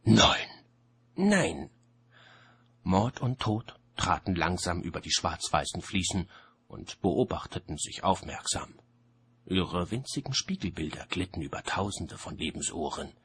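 Deep husky male audiobook narrator. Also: expressive. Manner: measured storytelling.

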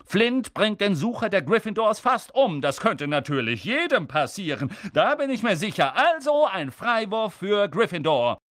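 A man doing an excitable young commentator. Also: sits high, no echo, studio quality, voice pushed up. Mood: excited. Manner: rapid, shouting commentary. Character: cheeky young male sports commentator, excitable.

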